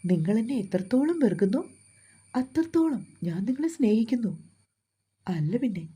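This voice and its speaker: A pert, teasing young woman, put on by a woman reader in a storybook voice, cheeky and stubborn in love. Her voice rides higher than the narrator's, with a dark, husky grain underneath. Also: sing-song, moderate pace, exaggerated voice. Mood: pleading.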